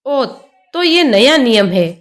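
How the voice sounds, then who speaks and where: A woman's voice: high-pitched, big pitch swings, slow pace, faint music behind, heavily acted. A woman voicing a young brother-in-law who talks in a condescending, sneering way. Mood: mocking.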